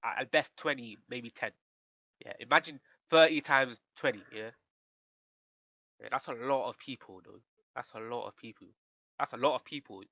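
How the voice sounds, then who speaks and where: A man's voice: medium pitch, normal speed, long pauses, no echo, highs cut off. Man chatting animatedly on a podcast. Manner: rambling, animated retelling with slang. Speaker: podcast co-host. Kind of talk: casual chat.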